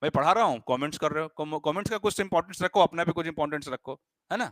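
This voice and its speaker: Male online tutor, fairly high voice, dry close sound, animated and stern. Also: fast, no echo. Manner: animated, scolding, playful memory tricks. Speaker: teacher. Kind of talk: live online class.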